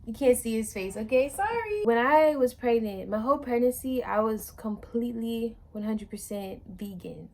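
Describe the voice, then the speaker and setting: A woman's voice: fairly high pitch, moderate pace, few pauses, darkish tone. Chatty young woman vlogging. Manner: chatty, rambling, many fillers and restarts. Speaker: vlogger, new mother. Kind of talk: casual chat to camera.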